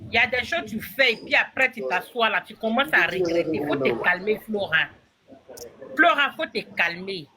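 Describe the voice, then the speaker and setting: Bright-voiced woman calming a guest. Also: mid-range voice, moderate pace, slight background noise. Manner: soothing, insistent, repeats calming pleas. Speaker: live stream host. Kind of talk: live stream talk.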